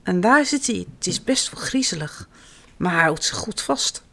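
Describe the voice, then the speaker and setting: Lively woman reading a children's story. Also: lowish voice, normal speed. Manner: animated, expressive read-aloud.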